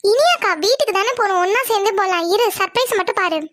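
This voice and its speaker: A squeaky, very high cartoon girl, eager and teasing, as a woman puts her on. She chatters fast, and the recording is dry and close. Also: lively intonation, a bit bright, no echo. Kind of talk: Tamil cartoon drama voicing.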